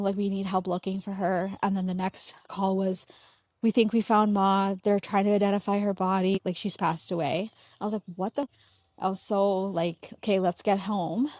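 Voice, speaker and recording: A woman's voice: mid-range voice, darkish tone, dry recording, studio quality. A young woman talking casually as an interview guest, sharing family memories with many "like" fillers.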